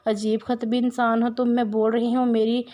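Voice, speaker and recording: A woman reads a defiant young woman student with a sharp tongue, irritated and stubborn. The delivery stays level and monotone, in a somewhat high voice, as in a novel read aloud. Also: moderate pace, natural voice.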